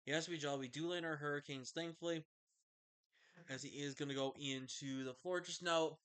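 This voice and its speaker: A man's voice: fairly high pitch, fairly even intonation, brisk, a bit bright, smooth. A man giving casual commentary over his own online game match, sleepy and yawning late at night, talking in a loose, chatty way with fillers and self-corrections.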